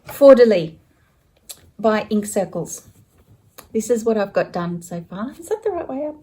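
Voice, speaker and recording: A chatty woman talks slowly through her craft projects in a relaxed home vlog. She wanders a little and corrects herself mid-sentence, in an easy, unhurried way. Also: mid-range voice, breathy edge. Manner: chatty and rambling, self-correcting. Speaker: stitching vlogger. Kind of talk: casual show-and-tell chat.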